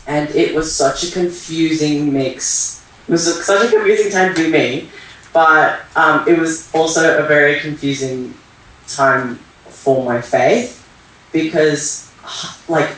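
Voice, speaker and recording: This young Iranian man's voice is a little high and fairly bright. Speaking at an open share in a theatre hall, he hesitates and searches for words, filling gaps often, and he's captured from far off in the hall's echo.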